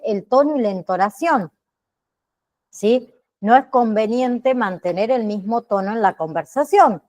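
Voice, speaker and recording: A woman teacher giving an online class lecture, speaking deliberately and checking in with frequent tag questions. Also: mid-range voice, a little mellow. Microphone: computer mic on a video call.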